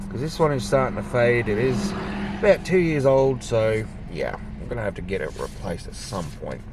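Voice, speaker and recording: A man's voice: mid-range voice, background noise. A man vlogging in a chatty, rambling way, swearing casually as he talks to his viewers. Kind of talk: casual vlog chat to camera.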